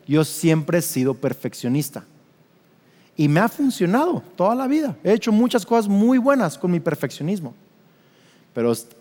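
A middle-aged pastor with a Mexican accent preaches a sermon built around a personal story, acting out scenes animatedly and questioning his listeners. His voice is a little high, and he is in a large hall.

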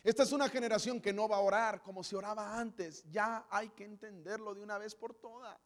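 A man's voice: sits high, steady tone, fairly quick. A man with a Mexican Spanish accent preaching a comedic sermon, animatedly acting out the story. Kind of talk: comedic sermon with acted scenes. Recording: long hall reverb.

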